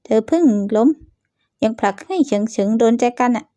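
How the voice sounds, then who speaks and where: A woman's voice: a little high, expressive, a little fast, mellow, no room sound, lightly acted. A woman voicing a loyal young female friend who speaks up protectively and pleads on another's behalf. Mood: indignant.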